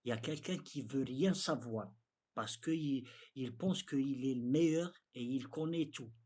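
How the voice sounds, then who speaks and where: A man with an Arabic accent, a native Arabic speaker, giving a beginners' religious lesson in halting, non-fluent French. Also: medium pitch, a little mellow, husky. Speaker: interpreter for an Islamic teacher.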